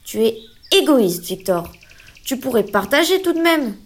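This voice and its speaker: A woman voicing a friendly little girl in a children's storybook reading, eager and bright. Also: high-pitched, big pitch swings, unhurried, voice pushed up, full character voice. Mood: indignant.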